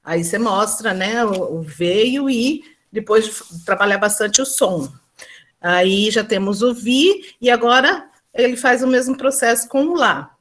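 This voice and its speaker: A woman presenting her classroom experience at an online teaching symposium. She speaks hesitantly, with many fillers and restarts, and acts out slow teacher and pupil lines. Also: fairly high pitch, a bit bright.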